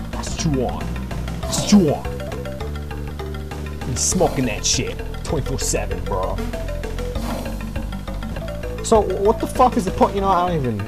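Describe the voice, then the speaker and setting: At home at night, a young male gamer gives casual commentary on his gameplay, talking to himself in a profane, slangy, excitable way. His mid-range voice swoops around, with music playing behind it.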